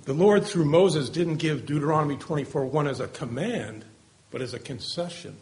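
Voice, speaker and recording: A man's voice: on the high side, moderate pace, darkish tone. A man preaching an earnest sermon, asking rhetorical questions and letting his voice fall at the ends of phrases.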